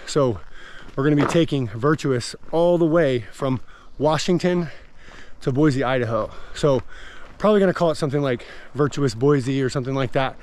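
A man in his thirties with an American accent talks casually to his vlog audience. His voice sits at an ordinary pitch for a man. Light ambient noise runs behind the speech. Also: normal speed, a little mellow. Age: 30s. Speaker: vlogger and gym owner. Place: outdoors on forest trail, later inside a car. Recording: clear outdoor and vehicle background noise.

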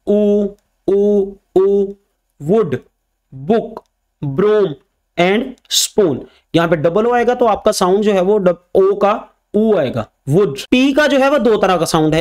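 A man teaching English letter sounds, speaking slowly and repeating each example word. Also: sits high. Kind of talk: spoken English lesson.

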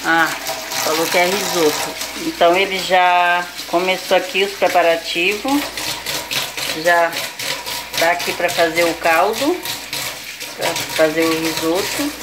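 Uma mulher brasileira, amiga da vlogueira, narrando de forma casual e falante para a câmera. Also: female voice, on the low side, measured pace, noisy background. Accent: Brazilian. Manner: chatty, explaining to the camera. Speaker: friend of the vlogger.

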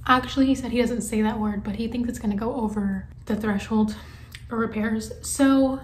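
A woman's voice: on the high side, steady tone, normal speed, a little hiss or hum. Chatty young woman vlogging from her car. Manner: chatty, candid, slightly nervous. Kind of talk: casual vlog talk to camera. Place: inside a parked car, then an indoor room. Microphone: phone camera at arm's length.

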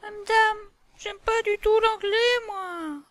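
A woman's voice: very high-pitched, steady tone, takes it slowly, fairly bright tone, heavily acted. A woman voicing a stubborn, chatty little pig girl in a toy play, with a childish, complaining manner. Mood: grumbling.

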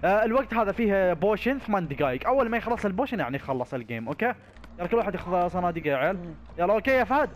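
A young man hosting a game video with friends. He is excitable and bursts into shouts and laughter as he gives the others orders. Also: high voice, rapid-fire, a little hiss or hum. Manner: excitable, shouts and laughs while bossing his friends around. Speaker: gaming YouTuber host. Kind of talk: Minecraft let's-play commentary with friends.

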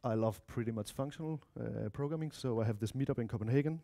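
This conference speaker, a software developer in his thirties of mixed Spanish-Danish family from Denmark or Spain, talks quickly in a dark, relaxed, creaky voice of ordinary male pitch. His Danish-accented, informal tech talk in an indoor lecture room is chatty and full of audience asides.

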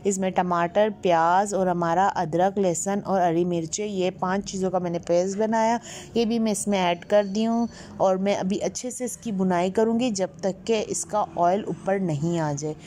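A woman's voice: medium pitch, fairly even intonation, normal speed, dark tone, slight background noise. A woman hosting her home cooking channel, chatting viewers through a recipe step by step in a voice-over. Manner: chatty, repeats "ये देखिए" while guiding viewers step by step.

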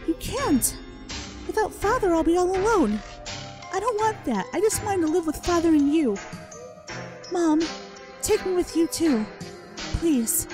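Girl gamer putting on a teary little girl voice, high and swooping all over, begging, game music under it. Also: big pitch swings, unhurried, pauses often, full character voice. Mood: desperate. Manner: pleading, high and tearful. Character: desperate little girl clinging to her father. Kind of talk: dramatic reading of game dialogue.

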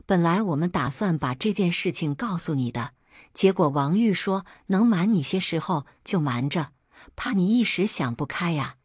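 女声扮演的焦急心疼女儿的老母亲. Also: female voice, fairly low pitch, animated, normal speed, breathy edge, no echo, clean studio sound. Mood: tearful. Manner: pleading, soothing. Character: worried older mother comforting her daughter.

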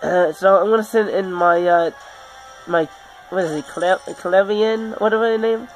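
A man who is sick, hosting his gaming channel and giving halting, self-correcting video game commentary over faint background music. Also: sits high, low-quality recording. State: sick, under the weather.

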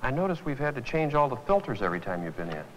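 A man's voice: medium pitch, very animated, quick pace, fairly bright tone, long reverb tail, slight background noise, low-quality recording. A man playing a mechanic in a 1980s training film, patiently asking questions and offering a fix. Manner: patient, reassuring, helpful. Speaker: mechanic serving a customer. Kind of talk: 1980s educational film acting.

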